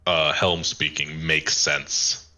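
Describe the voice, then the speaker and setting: A man talks in a matter-of-fact, explanatory way, his voice pushed very low by a pitch-shifting voice changer. The processing gives it a hard, bright edge despite the depth. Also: little pitch movement, takes it slowly. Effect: deep pitch-shifted voice changer. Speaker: tabletop roleplay player. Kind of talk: casual out-of-character chat.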